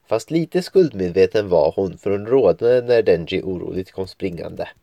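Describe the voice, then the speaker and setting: A man's voice: low-pitched, lively intonation, creaky, no room sound, muffled recording. A man reading a children's story aloud at home, with playful voices for the children's lines. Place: home room at a computer.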